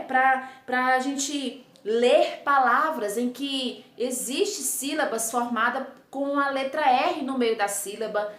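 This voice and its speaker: A Brazilian woman teacher giving a recorded phonics lesson to young pupils, slowly sounding out syllables and checking in with frequent tag questions. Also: sits high, a bit bright. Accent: Brazilian Portuguese. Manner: slow, patient, spelling sounds out with many tag questions. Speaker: primary school teacher. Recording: echoey room recording.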